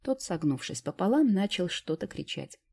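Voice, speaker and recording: A woman reading first-person fiction aloud as a steady, measured audiobook narrator. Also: lowish voice, vocal fry, husky.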